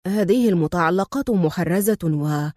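A woman's voice: on the low side, animated, moderate pace, darkish tone, no room sound, clean studio sound, voice pushed down. A woman voicing a nervous, cowardly male police inspector in a storybook reading, jittery and pleading.

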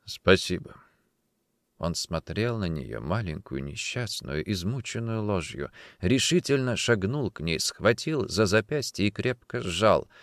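Calm male audiobook narrator. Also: lowish voice, no room sound, studio quality. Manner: calm, measured storytelling, dropping quiet on tense moments. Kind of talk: scripted narration.

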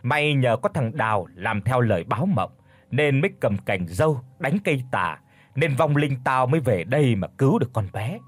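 Brief: bossy old grandfather spirit in an audio horror tale, deep and booming, husky, put on by a male narrator. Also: lively intonation, normal speed, no room sound, natural voice. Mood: warning. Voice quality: deep booming, sometimes a feeble rasp. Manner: domineering, scolding. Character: young man faking his grandfather's ghost, gruff and commanding.

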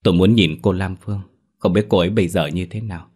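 A man voicing a gentle, sorrowful older foster mother in a spoken storybook. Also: sits low, fairly even intonation, quick pace, slightly rough. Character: older woman, grieving devoted foster mother.

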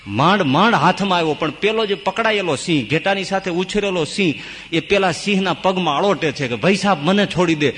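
A man preaches a devotional sermon in a fairly high voice. He tells it dramatically, rising to ringing exclamations and then dropping almost to a murmur. The sound carries a long reverb from a large hall. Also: brisk, slight background noise. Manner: dramatic, swinging between loud exclamations and hushed lows.

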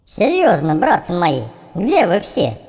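A fussy, officious character with a thin, piping squeak high above a normal voice. It rings out as if from afar in a reverberant hall. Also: male voice, huge pitch swings, unhurried, heavily acted. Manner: formal, officious. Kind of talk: audiobook character voice.

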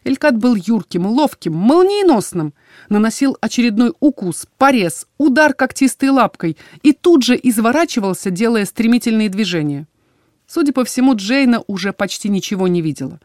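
A woman reading a first-person fantasy audiobook with expressive, dramatic storytelling. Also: a little high, normal speed, no room sound, studio quality. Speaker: audiobook narrator.

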